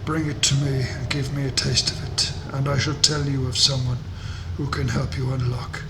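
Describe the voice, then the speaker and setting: A man voicing a grave, cursed stone face from a game, speaking slowly and portentously like an ancient talking tree. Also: level tone, close to an everyday voice. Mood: weary, cursed. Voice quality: creaking, rumbling. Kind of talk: video game dialogue read aloud. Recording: noisy, roomy home recording.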